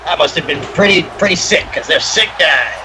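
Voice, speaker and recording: A man with a high voice works as a wrestling commentator, reacting to moves and chatting through the analysis. The recording is noisy, with a steady live-event rumble behind him. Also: brisk.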